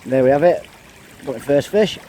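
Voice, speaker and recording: An Englishman chats his way through a fishing trip, counting off each catch in a relaxed, mellow voice. He talks to a camera out in the open air by a flowing river, with a faint hiss of wind and water behind him. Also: mid-range voice, normal speed. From England. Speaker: angler vlogger. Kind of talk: casual running commentary while fishing. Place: outdoors on a windy riverbank, wading.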